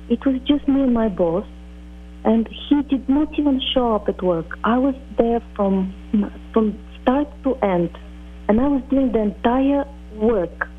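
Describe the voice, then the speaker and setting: A middle-aged woman speaks as an interview guest, her voice husky and breathy. She tells her story in an earnest, measured way that sometimes halts. The sound is thin and narrow, like a phone call. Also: a little high. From Bulgaria. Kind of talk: reflective personal storytelling.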